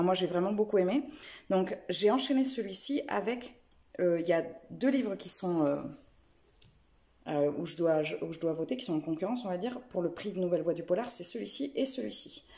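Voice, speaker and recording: Woman vlogger rambling about her reads, lowish mellow voice, lots of ums. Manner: chatty, hesitant with many fillers. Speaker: book and knitting vlogger. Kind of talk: casual book review chat.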